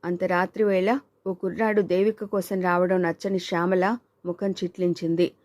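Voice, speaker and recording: Female audiobook narrator, mellow, dry booth sound, voices the dialogue herself. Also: on the low side, little pitch movement, moderate pace, no room sound. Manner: reads all characters, male and female, in her own voice.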